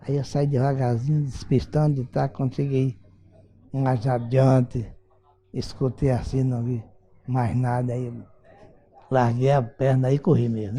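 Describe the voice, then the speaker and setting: An older man, recounting events he witnessed, lively and acting out the voices in his tale. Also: medium pitch, a little hiss or hum. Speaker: eyewitness interviewee. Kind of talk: storytelling recollection.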